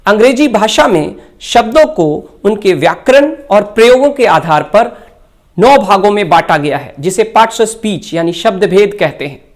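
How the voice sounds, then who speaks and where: A man's voice: high voice, lively intonation, measured pace. A man teaching a spoken-English grammar lesson, explaining carefully and spelling words out letter by letter.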